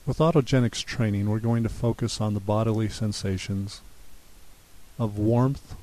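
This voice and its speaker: A man calmly leading a guided relaxation exercise in a soothing, unhurried manner. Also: fairly low pitch, rough recording. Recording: steady hiss behind the voice.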